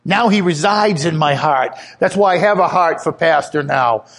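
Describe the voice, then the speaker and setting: A man giving a sermon, earnest and personal, telling his own testimony and growing louder and higher when he stresses a point. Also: lively intonation, normal speed, gravelly. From Italian heritage. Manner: earnest testimony, rises in pitch when emphatic. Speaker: preacher.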